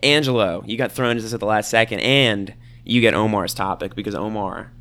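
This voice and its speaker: A man hosting a casual podcast, joking and teasing his co-hosts, often trailing off quietly. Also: lowish voice, fairly quick. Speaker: podcast host.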